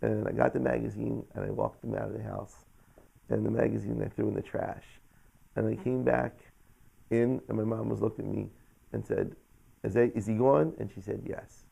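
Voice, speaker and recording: Gravelly, husky middle-aged man. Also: on the low side, little pitch movement, dark tone, poor audio. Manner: halting, hesitant with fillers and restarts, earnest. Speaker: family caregiver giving a testimonial. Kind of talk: personal storytelling.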